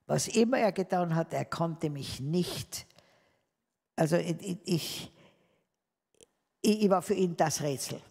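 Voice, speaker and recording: A woman tells her life testimony to an audience, animated and warmly direct as she speaks to them. Her voice has a gravelly, creaky edge. The sound rings with long reverb from a large hall. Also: fairly low pitch, slow pace, pauses often. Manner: lively storytelling, addressing listeners as dear ones. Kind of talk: spoken testimony to a live audience.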